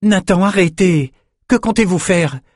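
A man's voice: a little high, unhurried, darkish tone, no echo, clean studio sound, voice pushed up. A man voicing an earnest, somewhat hesitant young man in an audiobook. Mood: alarmed. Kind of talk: audiobook character voice.

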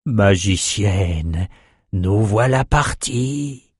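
A flamboyant young swordsman, dramatic and protective, talking low and slow at first before rising with feeling, as a man reads him. The storybook voice is dry and close. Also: sing-song, no room sound, heavily acted. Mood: hushed. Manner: dramatic, hushed.

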